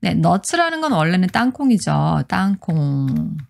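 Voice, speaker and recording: A woman teaching an English pronunciation lesson, explaining in Korean and reading English lines slowly. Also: fairly low pitch, sing-song, creaky, a little mellow.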